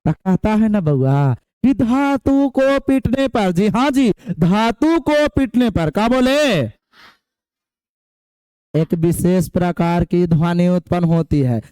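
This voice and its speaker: A young teacher in the middle of a class lesson, drilling definitions over and over and calling on students with homely, folksy asides. His voice sits high and comes out smooth and clear. It is recorded dry, with no echo from the room. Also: lively intonation, slow pace, dark tone. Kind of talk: classroom lecture.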